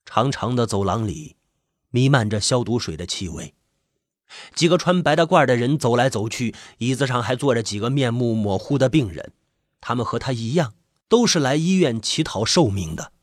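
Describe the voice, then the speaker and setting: A man with a husky voice, reading a suspense story in measured, expressive narration. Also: mid-range voice, no echo, studio quality.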